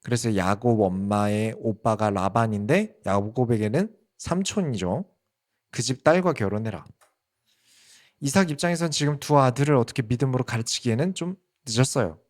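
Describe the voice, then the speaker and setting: A male pastor giving a sermon in an animated way, asking the congregation questions. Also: mid-range voice, brisk, hardly any pauses.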